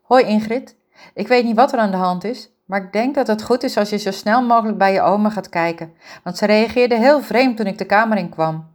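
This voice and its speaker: A woman voicing a young male carer who speaks earnestly and in a measured way. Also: mid-range voice, darkish tone, voice pushed up, lightly acted.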